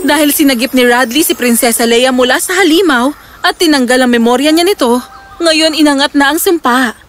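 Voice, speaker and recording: A woman with a high voice narrates a children's fairy tale in scripted storytelling, at a fairly quick pace. Soft music runs underneath.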